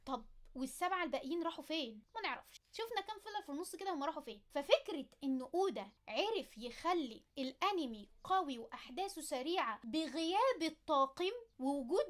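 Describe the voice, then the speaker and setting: Excited anime fan host, woman, Egyptian accent; high voice, very rapid chatty delivery. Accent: Egyptian Arabic. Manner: chatty, playful, addresses viewer directly. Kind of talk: casual anime commentary to camera.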